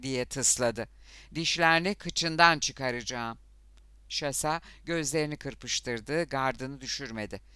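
A man narrates an audiobook with a bright, smooth, resonant voice and steady dramatic delivery. He reads close to the mic in a dry studio, pushing his voice up when characters shout. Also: mid-range voice, no echo. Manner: steady dramatic reading, lifts voice for shouted quotes. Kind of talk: scripted narration.

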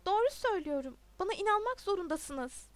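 A woman voicing a shy but defiant teenage schoolboy who shouts and pleads in an audiobook reading. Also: very high voice, lively intonation, a little fast, voice pushed up. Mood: pleading shouts.

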